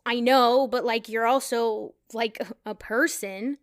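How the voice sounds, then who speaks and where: A woman's voice: a little high, steady tone, unhurried, no echo, clean studio sound. An actress playing a nervous, giggly young woman who is hiding a secret. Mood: flustered. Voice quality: giggly, flustered. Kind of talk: audio drama acting.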